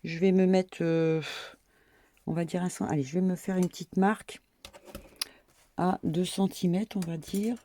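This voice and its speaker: A woman's voice: on the low side, fairly even intonation, unhurried, pauses often, mellow. A middle-aged woman talking her viewers through a sewing tutorial as she works, chatty and self-mocking, peppering her steps with "hop" and "voilà".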